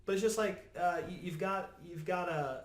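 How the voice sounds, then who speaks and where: A man with a high voice speaks at a moderate pace as a podcast guest, chatting casually and sharing opinions. He is emphatic, repeating words for effect and mimicking remarks he imagines others making, and the room sounds roomy and echoing.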